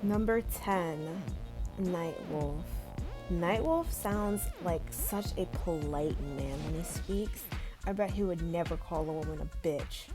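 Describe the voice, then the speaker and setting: A woman's voice: on the low side, animated, takes it slowly, over music. A woman vlogger chatting casually in a playful, profane, gushing way. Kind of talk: casual chat.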